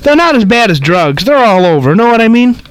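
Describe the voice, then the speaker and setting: Guy doing a high gossipy old lady voice, nosy, rambles on and on, swoops all over the place. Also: big pitch swings, a little fast, no echo. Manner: chattering, cackling, repeats "though".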